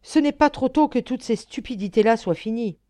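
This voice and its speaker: A woman reading an audiobook voices a young man, the story's author, who scolds loudly and with contempt. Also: lowish voice, very animated, unhurried, dry recording. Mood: scornful scolding.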